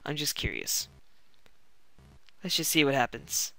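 A young man commenting on a game as he plays, reacting out loud and talking to himself, his voice cracking now and then. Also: mid-range voice, wildly swooping pitch, measured pace, creaky. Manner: reacts loudly and talks to himself while playing. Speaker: let's play gamer. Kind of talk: gameplay commentary.

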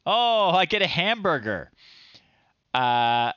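On his livestream, a man in his thirties talks slowly to himself with a wry, chatty tone, reading game text out loud. His pitch runs on the high side and swings widely. The sound is lo-fi with no echo.

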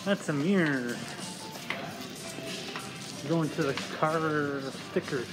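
A man's voice: a little high, slow pace, poor audio. A young man filming himself on a handheld phone, casually narrating as he wanders through an indoor flea market. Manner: rambling, offhand commentary while walking. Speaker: vlogger. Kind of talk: casual walking vlog. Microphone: handheld phone camera at arm's length. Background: loud background music.

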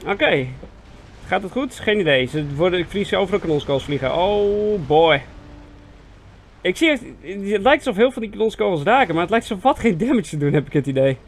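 A young Dutch man giving casual, self-mocking commentary on a strategy game, chatty with sudden excited yelps. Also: sits high, fast, slight background noise. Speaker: gaming video host. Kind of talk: casual let's-play commentary. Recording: faint game music behind voice.

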